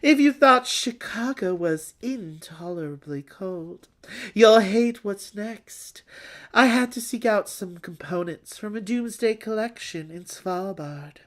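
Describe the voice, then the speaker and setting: A woman's voice: medium pitch, lively intonation, takes it slowly, pitched above the performer's own voice. A woman reading a villain's letter aloud as a sneering, taunting man, in a haughty and theatrical manner.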